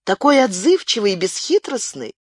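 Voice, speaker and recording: A woman's voice: mid-range voice, sing-song, normal speed, a little mellow, no echo, voice pushed up. A frantic young woman pleads in a raised, quivering voice, close and dry with no room sound around her. A man reads her out in a storybook reading. Her words come out tearful and broken. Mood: astonished. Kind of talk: audiobook character voice.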